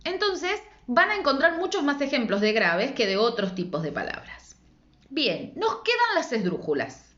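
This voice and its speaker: A woman's voice: high-pitched, sing-song, moderate pace, fairly bright tone. A woman teacher with an Argentine Spanish accent, explaining spelling rules in a patient, didactic way and checking in with rhetorical questions. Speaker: secondary school language teacher. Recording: echoey room, dull lo-fi sound.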